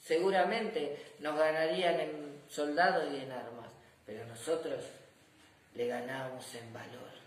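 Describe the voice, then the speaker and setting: A woman voicing a proud, affectionate old grandfather general who tells war memories in a deliberate, dramatic storybook manner. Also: deep voice, fairly even intonation, slight background noise, pitched below the performer's own voice. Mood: suspenseful, proud. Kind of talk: children's storybook narration. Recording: echoey room.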